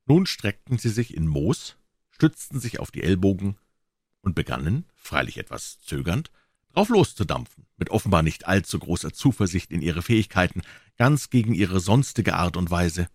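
A man narrating a classic novel with expressive storytelling. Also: low-pitched, moderate pace, no echo, studio quality. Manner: expressive storytelling, voicing the characters. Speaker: audiobook narrator.

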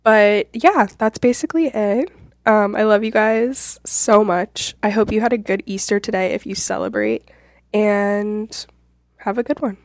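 A woman hosts a solo advice podcast in a stuffy, nasal voice at a medium pitch. She talks informally and a little ramblingly, reassuring her listeners as she goes. The sound is close and dry, with no room echo. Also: unhurried. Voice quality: nasal, congested voice. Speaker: podcast host; realtor.

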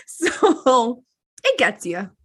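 A young woman co-hosting a casual chat, talking in a chatty, animated way full of "like" and quoted asides. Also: on the high side, extremely slow, slightly rough. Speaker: podcast co-host. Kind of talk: casual chat recapping a reality show.

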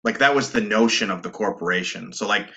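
A man's voice: on the low side, a little fast, gravelly, pushed and bright. A man co-hosting a podcast, explaining things casually and often rephrasing as he goes. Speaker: podcast co-host.

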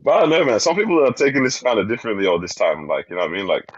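A man's voice: fairly low pitch, very animated, racing. Male podcast host, swooping intonation, bemused banter, muffled recording. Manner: slangy street talk, bemused and exclamatory.

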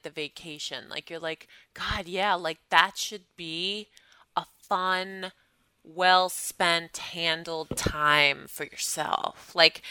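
A woman's voice: deep voice, bright, forceful tone, clean tone, dry recording. A woman co-hosting a podcast in casual chat, agreeable and easygoing. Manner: agreeable, frequent yeahs and laughs. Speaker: podcast co-host.

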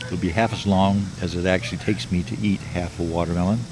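Deep-voiced older man musing outdoors. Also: steady tone. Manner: slow, plain, matter-of-fact musing. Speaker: video maker. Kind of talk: rambling self-filmed monologue. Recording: noisy outdoor video clip.

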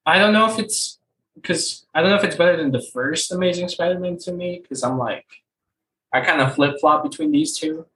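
A man's voice: fairly high pitch, fairly quick, bright, forceful tone. Young man, casual chat, rambling, filler-heavy, echoey room. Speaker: podcast co-host.

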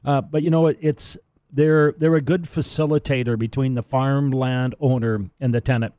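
A man's voice: mid-range voice, level tone, moderate pace, mellow, no room sound. A middle-aged man hosting a radio talk show, talking casually and rambling with frequent restarts and repeated words. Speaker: radio show host and land auctioneer.

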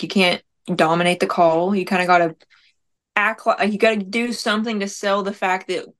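A young woman, a nurse and prank caller, answering interview questions in a chatty way full of fillers. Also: on the low side. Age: young adult.

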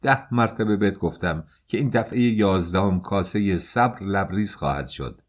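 Male reader as a bullying police officer, deep, harsh storybook scolding.

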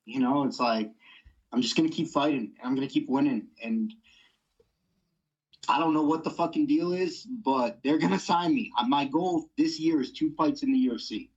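Blunt, profane young fighter. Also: male voice, mid-range voice, normal speed, darkish tone, husky, muffled recording. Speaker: MMA fighter guest. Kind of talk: casual interview.

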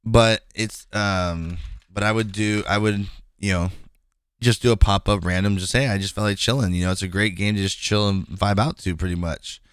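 In a dry, studio-quality recording, a podcast host in his twenties talks frankly and casually, rambling with plenty of fillers and restarts. He has a fairly low, clean voice, a steady tone, and normal speed.

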